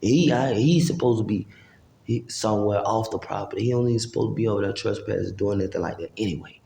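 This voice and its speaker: A man's voice: on the low side, fairly even intonation, quick pace, gravelly, dark tone, echoey room, a little hiss or hum. A man, casually telling a long, profane, rambling story to camera and acting out what people said. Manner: rambling, profane street talk with acted-out quotes. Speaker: vlogger.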